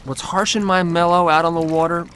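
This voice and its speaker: A man's voice: fairly high pitch, level tone, a little fast, a bit bright, slight background noise. A man hosting and reporting from the field in a wisecracking, upbeat comic style.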